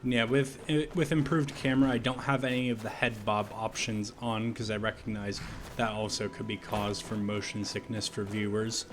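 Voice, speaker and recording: A man's voice: on the low side, flat delivery, normal speed, slight background noise. A man hosting a let's play with casual, rambling, self-deprecating commentary. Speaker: gaming let's play host. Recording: faint game ambience behind voice.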